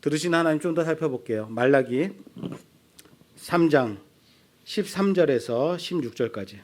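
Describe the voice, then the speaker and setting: Guy pastor preaching, high voice that leaps all over, acts out the people he quotes. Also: animated, moderate pace. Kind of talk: sermon.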